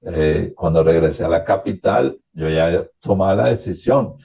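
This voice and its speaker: A priest from Venezuela, a man, telling his own story as a radio interview guest, recounting past conversations in a halting, reflective way. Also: low voice, vocal fry, mellow, husky.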